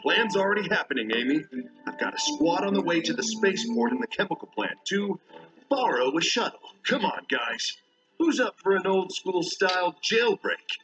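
A commanding echidna leader in a game cutscene, blunt and wisecracking, lively, slightly high, music under. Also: male voice, moderate pace. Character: Knuckles, a gruff, blunt echidna resistance leader. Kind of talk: video game cutscene dialogue. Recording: game audio from a distance, with music.

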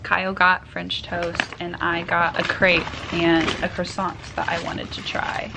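A woman's voice: fairly low pitch, level tone, a little slow, gravelly. A young woman talking casually and cheerfully into a handheld camera while traveling, with lots of fillers. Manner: chatty, upbeat, filler-heavy. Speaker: vlogger. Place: car and outdoors, on the move. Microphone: handheld camera or phone. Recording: noisy handheld recording, car noise.

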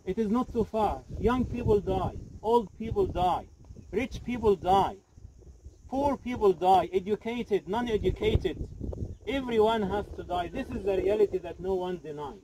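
A man's voice: high voice, a little slow, noisy background. A middle-aged man, an imam, giving an earnest outdoor sermon at a graveside, repeating phrases and asking rhetorical questions. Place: outdoors at a cemetery, crowd standing around. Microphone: camera a few metres away.

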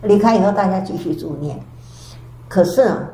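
An older woman, a Buddhist nun, giving a storytelling dharma lecture with drawn-out sentence particles. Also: mid-range voice, dark tone. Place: temple lecture hall. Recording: echoey hall with faint background hiss.

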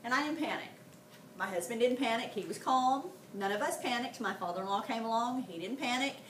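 Her voice a little high and her pace brisk, a middle-aged woman tells animated stories during a classroom history lesson. She checks in frequently with an "okay?" to her students, and the sound is roomy and far off with faint noise behind it.

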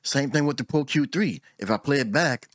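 In studio quality with no room sound, a middle-aged man's mid-range voice moves at a moderate pace. As an audio engineer hosting his channel, he talks to camera about recording vocals from a small home room into a boom-arm desk mic, relaxed, gesturing and repeating words as he goes.

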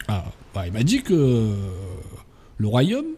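A man casually commentating his strategy game, ordering units around and breaking into excited outbursts. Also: medium pitch, takes it slowly, husky. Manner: bosses units around, bursts into excited exclamations. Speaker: gaming YouTuber. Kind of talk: casual let's-play commentary.

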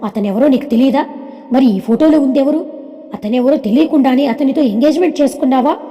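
A woman voicing an angry young man who fires sharp, demanding questions, read in a storybook with long reverb. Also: high voice, brisk, muffled recording, close to an everyday voice. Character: angry young man, elder brother of the house.

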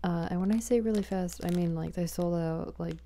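A woman chatting softly for ASMR on a small close microphone, rambling, whispery and giggly. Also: on the low side, brisk, a little hiss or hum. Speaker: ASMR creator. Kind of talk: soft-spoken ASMR chatting.

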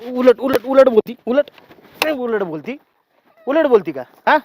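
A man's voice: very high voice, expressive, moderate pace, a little mellow, slight background noise. An actor playing a bossy village husband who nags and barks repeated orders at his wife. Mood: scolding. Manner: nagging, barking orders, repeats words. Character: bossy scolding village husband, middle-aged. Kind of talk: village short-film acting.

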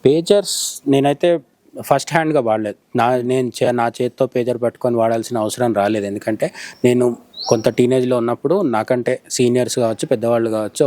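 A middle-aged Indian man with a Telangana Telugu accent, medium in pitch and dark in tone, is interviewed as a commentator. He's a journalist offering conversational news analysis, explaining things by posing questions and then answering them himself.

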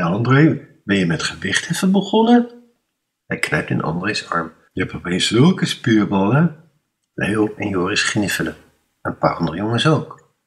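A man narrating a children's story, reading in a lively, expressive way. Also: low voice, distant mic. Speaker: author reading his story.

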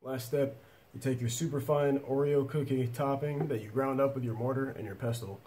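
A man's voice: medium pitch, fairly even intonation, normal speed, noisy background. A man in his thirties hosting a casual home cooking video, talking loosely and swearing now and then while he works at a desk in a small room. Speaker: cooking vlog host.

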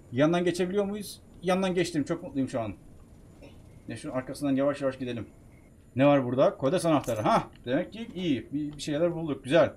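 A man giving casual, chatty commentary while playing a video game, excitable, bursting into shouts. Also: medium pitch. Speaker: game streamer.

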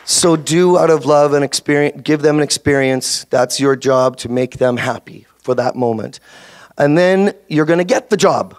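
Male voice actor, panel speaker, slightly high pitch, loose rambling delivery with crowd banter. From Canada. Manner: rambling, joking with the crowd, many restarts. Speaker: voice actor giving a convention panel talk. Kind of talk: live panel talk to an audience.

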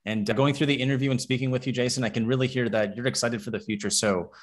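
Quick enthusiastic male interviewer. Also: mid-range voice, steady tone. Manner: enthusiastic, filler "like". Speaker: interviewer, host. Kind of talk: interview questions.

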